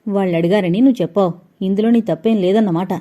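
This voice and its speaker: A woman voicing a quick-tempered elder sister who scolds sharply. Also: medium pitch, dark tone, close to an everyday voice. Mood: scolding.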